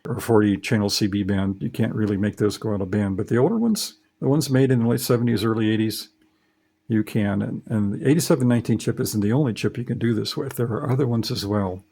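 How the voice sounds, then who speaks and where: This middle-aged ham radio vlogger talks fast in a lowish voice that's warm, creaky and slightly rough. An amateur radio hobbyist, he explains things plainly and casually, like an ordinary conversation.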